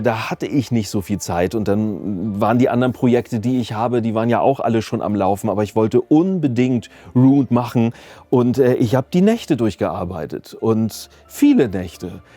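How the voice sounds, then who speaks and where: A man who works as an audio drama sound designer and mixer talks casually and reflectively in an interview, sometimes searching for words. His voice is medium-pitched and mellow, with lively intonation and a moderate pace, and music plays behind him.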